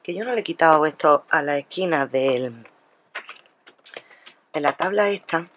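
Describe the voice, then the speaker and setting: A Spanish woman talks through her craft shopping haul at a table, speaking directly to her viewers in a chatty way and frequently restarting her sentences. Her voice is low and fairly bright, her pace measured. There is slight background noise.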